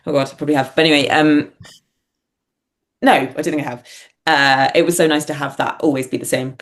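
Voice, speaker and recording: As a guest in a casual interview, a female theatre writer and performer talks fairly quickly in a low voice with a steady tone. Her speech is informal and hesitant, peppered with "like."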